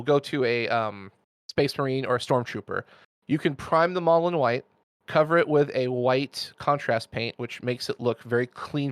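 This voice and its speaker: Man, podcast guest, chatty explainer, jokey asides, mid-pitched voice, dry close sound. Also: no room sound. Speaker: guest miniature painter. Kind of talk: casual podcast chat, explaining technique.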